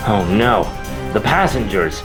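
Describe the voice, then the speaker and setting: A man's voice: on the low side, big pitch swings, unhurried, over music. A man voicing Thomas, an earnest young male tank engine, pleading and distraught in a fan audio drama. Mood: panicked.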